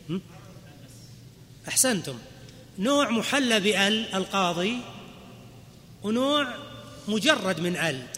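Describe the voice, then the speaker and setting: A man teaches Arabic grammar in a classroom lecture, explaining patiently and quizzing his students. His voice is high-pitched, bright and forceful. Hall reverb and faint noise color the recording.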